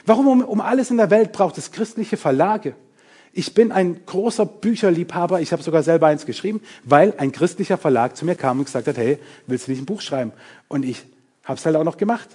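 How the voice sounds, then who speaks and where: A middle-aged man preaching a sermon, emphatic and lively, talking straight to his congregation with self-mocking asides. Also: high-pitched, a little fast, slightly rough.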